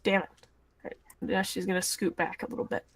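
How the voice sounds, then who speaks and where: A woman's voice: fairly low pitch, fairly even intonation, a little fast, slightly rough. A woman playing in a tabletop game, playfully describing what her character does. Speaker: player. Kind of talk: casual tabletop play.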